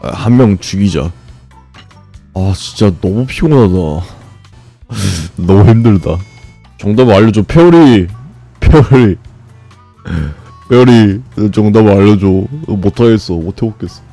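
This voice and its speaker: A man streaming a game, grumbling and swearing at it, then breaking into sudden high shouts. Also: expressive, unhurried, pauses often, dry recording, faint music behind. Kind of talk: frustrated live gameplay commentary.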